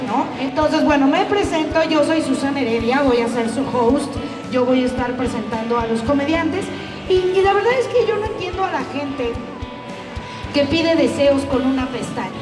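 Mexican woman comic-host, high voice, punchy live stand-up in a roomy hall. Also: recorded from a distance. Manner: high-energy, audience-teasing delivery. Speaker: comedy show host and stand-up comedian. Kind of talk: stand-up comedy routine. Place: live comedy venue with an audience.

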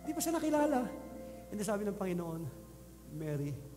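A male pastor preaching a sermon with passion, dropping to a hush and then building loud, calling his listeners beloved ones. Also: high voice, very animated, quick pace. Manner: impassioned preaching, swinging between hushed and rising loud; addresses the congregation often as beloved ones. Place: church hall. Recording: long hall reverb with music behind. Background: music playing.

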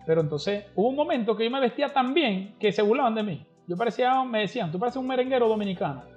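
A man's voice: very high-pitched, quick pace. A man, telling stories as a podcast guest in casual, slangy talk and acting out the people he quotes. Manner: animated, slangy, acts out quoted voices. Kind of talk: casual storytelling interview. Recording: slightly dull podcast audio with faint music.

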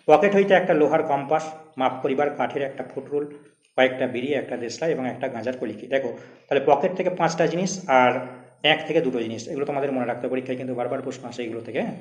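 A man with a Bengali accent teaches a school literature class, reading old prose aloud before explaining it plainly and posing exam questions. He speaks quickly at medium pitch in an echoey room.

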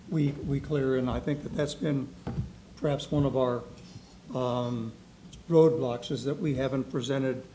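A board member speaking deliberately at a public meeting, his voice mellow and mid-pitched. He leans into a desk microphone, stressing key words, with faint hall hum behind.

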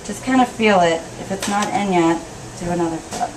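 A woman's voice: mid-range voice, fairly quick, very noisy. A young woman hair stylist casually explaining a hairstyle step by step while doing her own hair in a salon. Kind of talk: hairstyling tutorial.

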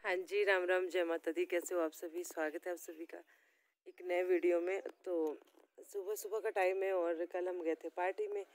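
A woman's voice: on the low side, flat delivery, moderate pace, darkish tone, no echo. A young woman with a Himachali Pahari accent, chatting casually and rambling to her viewers in a homely vlog. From Himachal Pradesh, India. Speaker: vlogger.

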